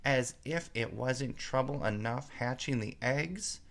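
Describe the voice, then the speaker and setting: Man voicing an indignant, fretful mother pigeon, drawn-out words. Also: medium pitch, creaky, a bit bright, pitched above the performer's own voice. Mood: shrieking, fretful. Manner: exasperated, dramatic complaining. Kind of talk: storybook read-aloud character voice.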